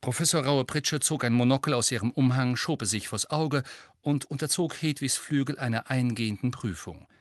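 A man narrates an audiobook from a script, telling the story expressively in a mid-range voice at normal speed. The studio-quality recording has no echo.

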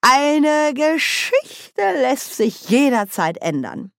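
A woman reading an audiobook, voicing a cheeky, boozy old witch woman with a loud, high, cackling voice. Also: very animated, a little slow, dry recording, clean studio sound. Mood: merry. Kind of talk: audiobook character voice.

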